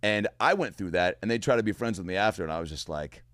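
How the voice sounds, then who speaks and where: A man casually telling profane stories on a podcast, animated and laughing as he goes. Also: on the low side, fast talker, no room sound, clean studio sound. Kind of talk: casual storytelling.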